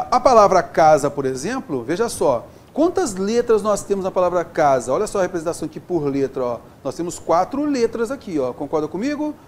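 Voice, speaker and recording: A Brazilian man teaching an exam-prep lesson in a chatty, upbeat way, with his pitch swinging lively up and down. He keeps checking in with the viewer. A faint hum sits behind his voice. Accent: Brazilian Portuguese. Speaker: Portuguese teacher.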